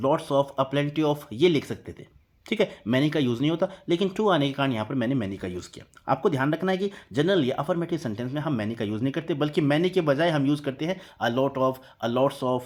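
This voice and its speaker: A man teaching an English grammar lesson, reading example sentences slowly and then explaining each one with frequent check-ins. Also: a little high, a little mellow.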